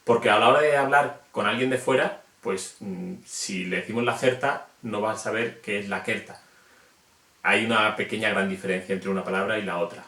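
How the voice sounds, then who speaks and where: Speaking forcefully in a lowish, bright voice at a moderate pace, this reptile hobbyist from Spain walks viewers through names with a Spanish accent. His tone stays casual and self-mocking, and the recording has an echoey room sound.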